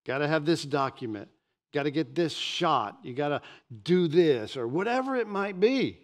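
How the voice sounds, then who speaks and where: A man in his sixties preaching a sermon from a church pulpit, animated and often repeating words as he starts a sentence. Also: fairly high pitch, moderate pace. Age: 60s. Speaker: pastor. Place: church stage behind a pulpit.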